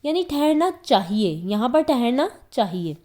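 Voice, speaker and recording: With big swings in pitch, her slightly high, a little mellow voice carries a Pakistani Urdu accent as she teaches the Quran. She explains patiently, repeating every point more simply.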